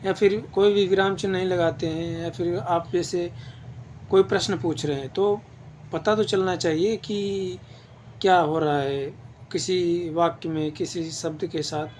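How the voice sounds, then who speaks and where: A man's voice: high-pitched, fairly even intonation, unhurried, darkish tone, slight background noise. A man teaching an exam-prep grammar lesson, explaining patiently and checking in with his listeners as he goes.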